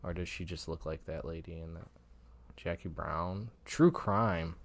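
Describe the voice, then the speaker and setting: A man's voice: low-pitched, measured pace. A man co-hosting a podcast, chatting casually and joking as he riffs on movies and TV. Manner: joking, playful, riffing. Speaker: podcast co-host. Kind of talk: casual chat over beers.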